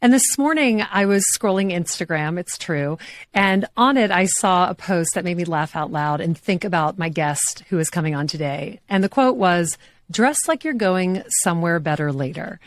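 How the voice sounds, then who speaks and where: A middle-aged woman from Louisiana hosting an interview show, upbeat and quick to laugh. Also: lowish voice, animated, no echo. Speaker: podcast host.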